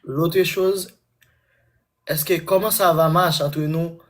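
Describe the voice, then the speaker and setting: Man speaking halting broken French. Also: a little high, steady tone. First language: not French; speaks broken French. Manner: broken French, groping and repeating words. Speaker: suitor in a live online matchmaking chat. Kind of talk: casual flirtatious chat.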